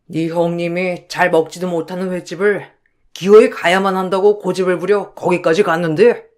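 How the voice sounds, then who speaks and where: A man's voice: high-pitched, steady tone, moderate pace, lightly acted. An actor playing a stern elderly father-in-law in a radio drama, roaring and scolding. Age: older.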